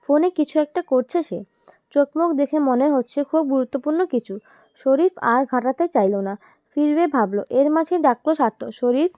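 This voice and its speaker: A woman with a high voice narrates an audio story expressively. The sound is dry and close, and slightly dull. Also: moderate pace, dark tone, no echo.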